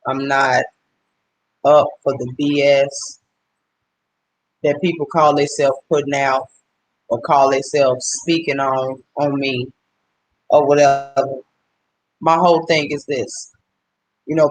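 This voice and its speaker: A man's voice: on the high side, slight background noise. A man on a livestream, ranting angrily and with lots of swearing while breaking off to greet viewers by name. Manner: profane, heated, stops to greet viewers. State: upset. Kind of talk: angry livestream rant.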